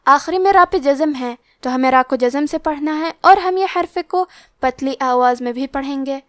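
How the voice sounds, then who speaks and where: A woman's voice: high voice, a bit bright, dry recording, studio quality. A woman teaching Quran recitation rules, explaining each letter methodically step by step. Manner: chants verses slowly and drawn out. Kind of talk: tajweed lesson with slow chanted recitation.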